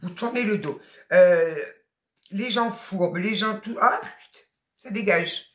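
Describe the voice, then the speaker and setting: At a slow pace, a tarot card reader with a Southern French accent gives spoken guidance in a middle-pitched voice that rings through an echoey room. The tone is emphatic, chatty, and encouraging, broken up by blunt asides.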